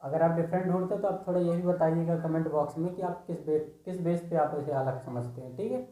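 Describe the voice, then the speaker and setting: A man teaches an exam-prep reasoning class, his voice warm and relaxed. He explains each answer step by step, pausing often to check that his students are following. The recording has a noticeable room echo. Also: fairly high pitch. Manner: explains step by step with frequent "theek hai" checks.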